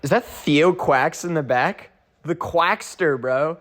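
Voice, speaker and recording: A young running vlogger chats casually, rambling with plenty of filler words and slang like "like" and "bro." His voice sits on the high side, slightly bright, at a slow pace.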